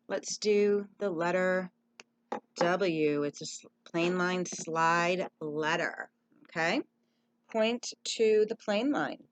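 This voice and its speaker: A woman teaching young children to read sentences and write letters, speaking clearly and encouragingly, drawing out her words. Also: fairly low pitch. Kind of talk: early reading and handwriting lesson for young children.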